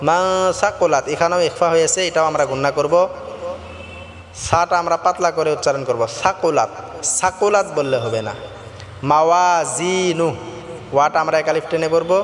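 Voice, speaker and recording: A man teaching Quran recitation rules, slowly chanting verses in a melodic voice, then explaining pronunciation in quick plain speech. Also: on the high side, fairly even intonation, big-room sound, slight background noise. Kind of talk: tajweed lesson alternating chanted recitation and quick spoken explanation.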